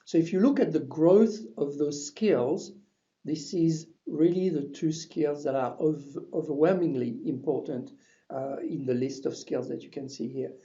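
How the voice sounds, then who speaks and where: With the highs cut off in the recording, this French-accented man's voice sounds dark in tone, though fairly high in pitch, and he talks a little slowly. Lecturing in French at a university, he presents a webinar full of hesitations, restarts, and fillers.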